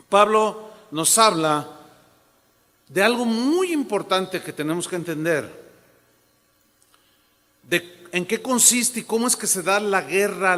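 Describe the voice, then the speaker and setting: A male pastor preaches in an emphatic, warning tone. His voice sits high and bright, and he takes his time over each phrase. A long reverb trails his words through the sanctuary. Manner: emphatic, urging and warning the congregation. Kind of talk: sermon.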